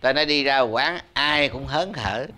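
A man's voice: mid-range voice, measured pace, bright, forceful tone, slight background noise. An actor in a sitcom playing a father-in-law who grumbles and scolds irritably. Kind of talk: sitcom acting.

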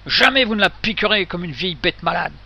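A man reading the part of burly grown brothers who shout threats in fury. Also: high voice, lively intonation, quick pace, creaky, husky, dull audio, full character voice. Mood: furious. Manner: loud, threatening.

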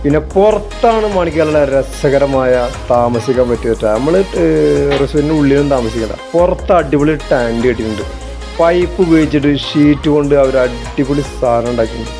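A man's voice: on the high side, brisk. A man with a northern Kerala Malabar accent narrates a casual travel vlog enthusiastically, mixing English words into his Malayalam. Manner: enthusiastic, repeats a catchphrase. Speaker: travel vlogger. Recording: music under the voice.

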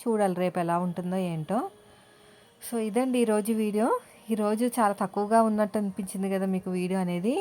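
Chatty housewife vlogger, thirties, mid-pitched, talks straight to viewers. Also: female voice, fairly even intonation, a little fast, darkish tone. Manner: talkative, addresses viewers directly. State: tired. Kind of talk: casual chatty home vlog.

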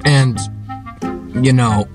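A young adult man vlogs casually to a handheld camera held at arm's length, speaking very slowly in a mid-range voice over music. He rambles loosely with lots of fillers, filming inside his car in a garage and also in a bedroom.

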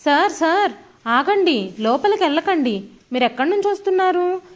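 A woman's voice: very high-pitched, expressive, normal speed, voice pushed up. A woman voicing a male watchman who stops a visitor at the office gate. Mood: brisk. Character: brisk office watchman, man.

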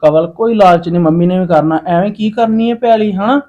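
A man's voice: high-pitched, fairly quick, highs cut off. A man with a Punjabi accent playing a visiting relative in a family drama, talking in a pleading, reasonable way.

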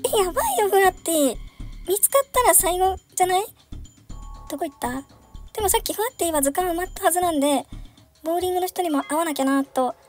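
Talking fast in a very high voice with a darkish tone, this young game streamer gives let's-play commentary on a horror chase game. She giggles constantly and lets out panicked shrieks when pursued, with soft music playing behind her.

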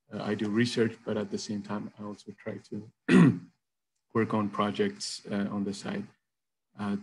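A man's voice: a little hiss or hum, low-quality recording. A young man from Ethiopia giving a video-call lecture as a guest presenter, with many hesitant "uh"s. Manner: many filler "uh"s, low flat delivery. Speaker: guest presenter, graduate student.

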